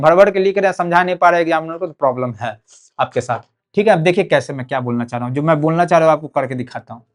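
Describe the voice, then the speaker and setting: A young man with a Bihari Hindi accent teaching a board exam physics lesson, repeating key terms and checking in often with "okay". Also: high-pitched. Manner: repetitive, drills key words, frequent "ठीक है".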